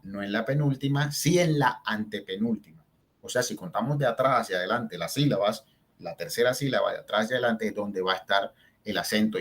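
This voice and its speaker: A male teacher walks through spelling rules step by step. He slows down to stress each example word and keeps checking in with short questions. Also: medium pitch, fairly bright tone. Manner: explains step by step, asks "¿verdad?" and "¿sí?" to check in. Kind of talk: spelling and grammar lesson.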